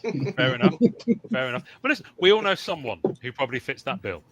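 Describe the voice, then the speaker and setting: A man's voice: medium pitch, very animated, quick pace, a loud crowd. A man from the United Kingdom hosting a casual podcast panel, wry and teasing, with many fillers. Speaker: podcast host.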